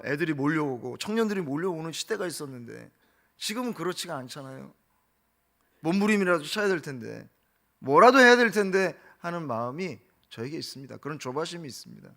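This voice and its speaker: A middle-aged male pastor delivers an impassioned dawn prayer sermon, full of rhetorical questions and acted-out lines. His voice sits a little high and swings widely in pitch. A gravelly edge runs under its bright, forceful tone. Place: church sanctuary.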